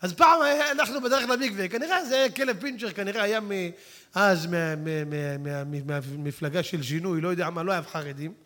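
A man preaching a sermon who swings from hushed tones to shouting and addresses his listeners directly. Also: sits high. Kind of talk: Torah sermon to an audience. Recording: long reverb of a hall.

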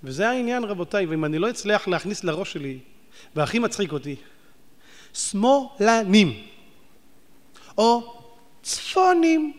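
A man preaching a sermon, animated and firing rhetorical questions at his audience. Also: high voice. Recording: long hall reverb.

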